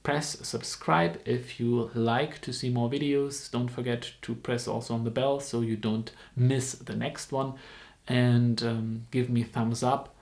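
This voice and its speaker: A man from Germany in his twenties, a dental student speaking English as a second language in a casual informational vlog, talking haltingly with frequent ums and restarts. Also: mid-range voice, fairly even intonation, creaky, darkish tone.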